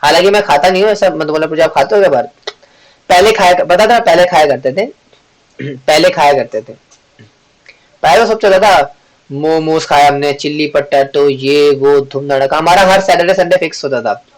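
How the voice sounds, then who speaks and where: Brief: man leading a scripture class, voice sits a bit high, teasing, often clears his throat. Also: moderate pace, poor audio. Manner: joking, chatty, teasing the audience; asks the class questions and answers them himself. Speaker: Bhagavad Gita class teacher. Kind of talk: devotional class lecture.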